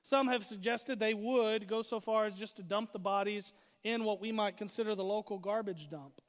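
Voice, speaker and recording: Pastor guy preaching, pretty high voice, keeps hammering points with repeats, big echoey hall. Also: normal speed. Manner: preaching with emphatic repetition and rising emphasis. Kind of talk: sermon.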